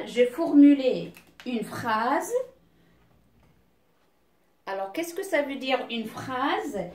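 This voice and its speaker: A woman with a fairly high, lively voice teaches a beginner reading lesson at a very slow pace. She spells out sounds carefully and asks herself questions aloud before each step. The room around her is echoey. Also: far from the mic. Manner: draws out words slowly and clearly.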